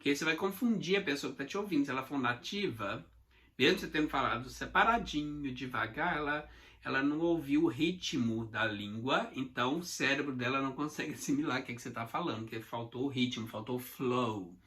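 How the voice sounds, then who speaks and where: A Brazilian man with a mid-range, bright, forceful voice speaks briskly in a casual English video lesson. In a Brazilian Portuguese accent, he chats with viewers directly and repeats phrases often.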